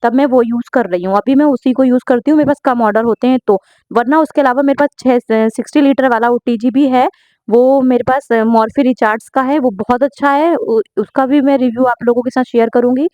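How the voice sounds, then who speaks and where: A young woman with a fairly high voice talks earnestly and at length, answering viewers' questions about her home baking business. She keeps checking in with her listeners as she goes. The recording sounds dull and dry, as if made close up at home. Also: fairly quick, no room sound. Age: young adult. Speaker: home baker. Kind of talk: casual Q&A vlog.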